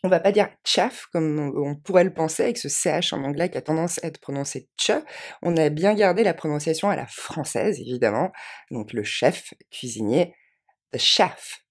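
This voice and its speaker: A woman teaching English phrases to French speakers, repeating each one slowly and then quickly. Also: sits low, lively intonation, darkish tone. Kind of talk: language lesson with repeated model phrases.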